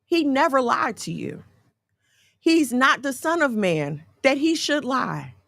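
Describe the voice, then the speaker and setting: A woman in her forties giving casual, animated faith talk in a conversational, folksy way. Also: high voice, slow pace, vocal fry, no echo, studio quality. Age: 40s.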